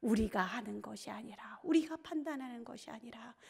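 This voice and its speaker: Woman pastor, high gravelly voice, preaching with loud-to-whisper swings, echoey church hall. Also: fairly quick. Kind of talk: sermon. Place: church sanctuary.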